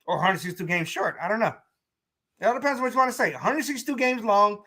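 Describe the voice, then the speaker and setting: Man, sports talk host, high voice, animated, repeats himself, casual commentary. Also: fast. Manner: animated, repeats himself, talks straight to listeners.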